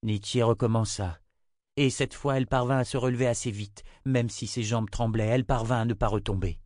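A man narrating a dark fantasy audiobook in steady, measured storytelling. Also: mid-range voice, dry recording, clean studio sound. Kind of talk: scripted narration.

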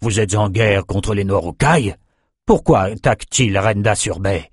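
A wry old wizard, as a male narrator puts him on, low and steady with dry, understated remarks. Read close and dry for a fantasy audiobook. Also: unhurried, breathy edge, no echo. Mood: questioning.

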